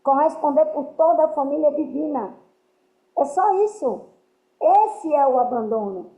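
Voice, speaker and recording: A woman's voice: sits high, animated, a little slow, dark tone. A woman giving earnest spiritual teaching to a group, often checking that her listeners understand. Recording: roomy, dull lo-fi sound.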